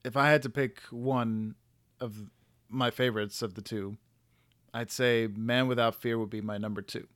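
A man of medium pitch chats casually on a podcast, often stumbling over his words and restarting. He fills gaps with "you know" and "like". His voice is recorded dry and close. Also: fairly even intonation, moderate pace, a bit bright, no echo. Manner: hesitant, restarts, many fillers like "you know". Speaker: podcast co-host. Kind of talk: casual chat about comics.

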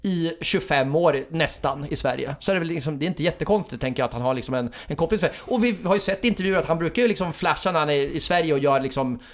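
A man's voice: a little high, few pauses. A man co-hosting a casual film discussion podcast, chatty, with frequent fillers and restarts. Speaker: podcast co-host.

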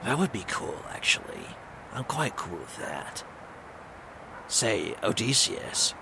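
A sly wizard speaks in a deep voice with a rough, gravelly rasp, as a man acts him out. His pitch swings widely while he drawls along with coy hints. The home recording carries a clear hiss of noise. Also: very animated, takes it slowly, sharp tone, exaggerated voice. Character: male wizard with a newly changed voice, sly. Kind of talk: voicing a tabletop game character.

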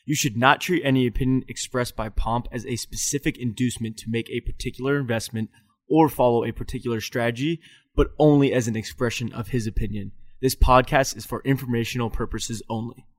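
A man reading a podcast's legal disclaimer in an even, formal way. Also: medium pitch, brisk.

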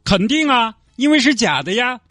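A man's voice: extremely high pitch, sing-song, moderate pace, sharp tone, no room sound, faint music behind, heavily acted. A man doing a breezy scheming young woman with a Sichuan accent. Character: scheming young woman faking her own death.

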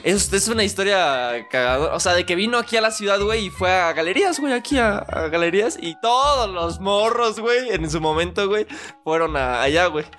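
A man's voice: high voice, lively intonation, brisk, fairly bright tone, faint music behind. A young man with a Mexican accent telling a story in a casual podcast chat, full of slang and fillers. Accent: Mexican Spanish. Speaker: podcast co-host.

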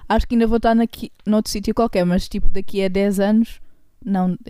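Podcast co-host: female, 20, European Portuguese accent, smooth mellow voice, informal slangy chat, dry close sound. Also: medium pitch, steady tone, brisk, dry recording. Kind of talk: casual chat.

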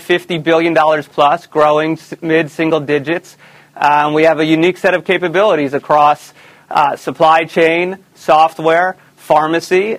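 A man who is the chief executive of a company, answering interview questions in a measured way. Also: on the high side, fairly bright tone. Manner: measured, with fillers and restarts. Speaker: company CEO guest. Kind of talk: business interview.

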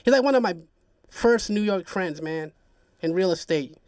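A man's voice: high voice, expressive, normal speed, darkish tone, no room sound, studio quality. A man in casual podcast chat, easygoing, slightly nasal, often restarting his words. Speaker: podcast co-host.

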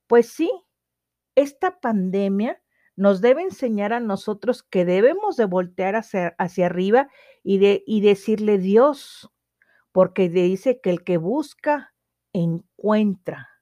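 A woman's voice: medium pitch, unhurried, no room sound, muffled recording. A woman hosting a devotional podcast, reading scripture aloud and asking the listener direct questions in an earnest way. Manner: reads scripture aloud at a steady pace. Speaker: podcast host.

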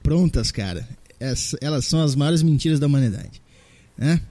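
A man in his forties reads a listener's story aloud in a plain, matter-of-fact way. His voice is mellow and dark, and the recording is dry, with no room sound. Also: on the high side, lively intonation, normal speed, no echo. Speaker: podcast host.

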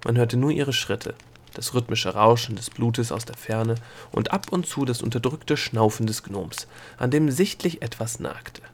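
A man reading a fantasy audiobook chapter as narrator in an even, measured way. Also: medium pitch, slight background noise. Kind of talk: scripted narration.

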